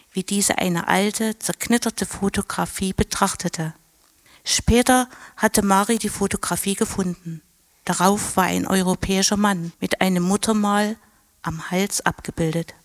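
A woman reading the narration of a radio play in a calm, measured way. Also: mid-range voice, no echo. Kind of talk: scripted narration.

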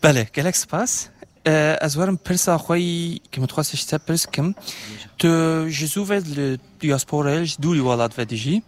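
A man's voice: fairly high pitch, very fast. Hesitant man moderating a panel. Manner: hesitant, many fillers. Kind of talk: moderating a panel in two languages.

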